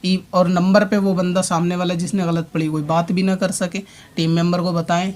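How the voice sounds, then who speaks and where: A man with a high-set voice that stays level and barely rises or falls. He talks through a long rebuttal as a religious commentator, speaking straight at his opponent. He keeps circling back to the same points. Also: little pitch movement, darkish tone. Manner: argumentative, addresses his opponent directly; explains at length with repeated points. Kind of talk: spoken rebuttal monologue.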